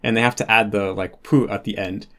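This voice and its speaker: Man explaining things at a relaxed, chatty pace. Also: on the low side, a little fast. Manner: thoughtful, explanatory, many "like" fillers. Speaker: interview guest, Japanese learner. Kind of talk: casual conversational explanation.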